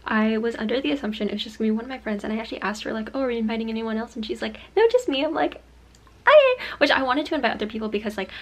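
A woman's voice: on the high side, fairly bright tone. A young adult woman vlogging in a casual, gushy way, rambling and acting out her own reactions with lots of "like". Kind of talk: casual chatty vlog.

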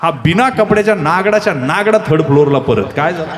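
A man's voice: on the high side, lively intonation, fairly quick, a loud crowd. A man preaching a kirtan sermon, telling stories and putting rhetorical questions to the audience. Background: pakhawaj drum and devotional music.

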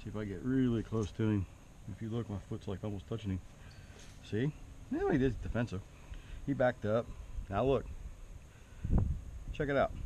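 A man giving a relaxed outdoor snake demonstration on a handheld camera, explaining and asking the viewer questions. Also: medium pitch, background noise. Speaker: snake educator. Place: outdoors near a trailer. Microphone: handheld camera mic.

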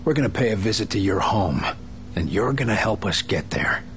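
An actor playing a stern, hard-bitten field agent in a video game, terse and commanding. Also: male voice, fairly low pitch, sing-song, quick pace, a little hiss or hum. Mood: hard, interrogating. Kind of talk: video game cutscene acting.

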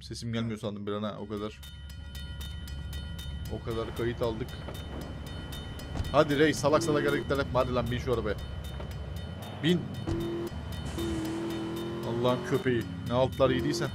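A young man doing casual let's-play commentary, excitable and quick to grumble and swear at the game. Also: mid-range voice, over music. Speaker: gameplay commentator.

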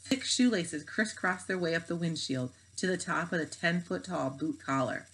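Brief: woman reader, lowish voice, steady read-aloud storytelling. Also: moderate pace, low-quality recording. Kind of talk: reading a children's novel aloud.

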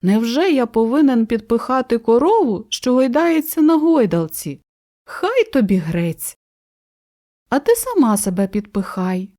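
A woman's voice: mid-range voice, huge pitch swings, takes it slowly, pauses often, dark tone. A woman voicing a grumpy, stubborn male crow who scolds and exclaims indignantly.

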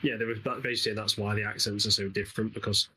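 A man's voice: on the low side, level tone, rapid-fire, crowd noise, poor audio. An English man with an East Midlands accent, chatting casually and rambling while commentating a co-op game, laughing often. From England. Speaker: gaming channel host.

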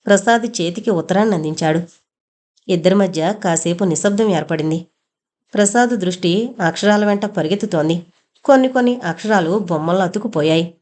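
A woman's voice: on the low side, brisk, a little mellow. A woman reading an audio novel aloud, narrating and voicing every character herself with small shifts in her voice.

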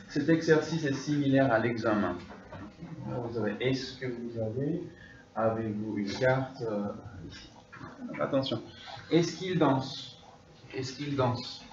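A man teaching a French class, speaking slowly, repeating his phrases and slipping now and then into English. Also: medium pitch, far from the mic. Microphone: distant room recording. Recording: echoey classroom recorded from afar, dull.

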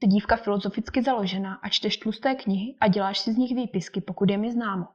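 Dry ironic old english dad, teasing and unhurried, a lady reading him, kinda dull lo-fi sound. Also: mid-range voice, darkish tone, husky, lightly acted. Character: dry ironic older English gentleman, father. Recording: dull lo-fi recording.

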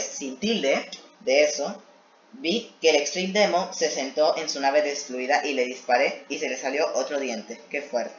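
A man's voice: on the high side, sharp tone, a little hiss or hum. A man reading his old homemade story aloud and mocking it with joking asides. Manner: self-mocking, joking asides between read passages. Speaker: video creator reacting to his own old series. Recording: echoey room, dull lo-fi sound.

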